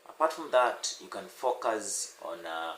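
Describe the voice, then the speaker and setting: A Swahili-speaking language teacher gives a casual, unscripted lesson to camera, repeating words and pausing with many "uh"s. His voice sits on the low side with big pitch swings and a fairly bright tone. The room is echoey with faint noise.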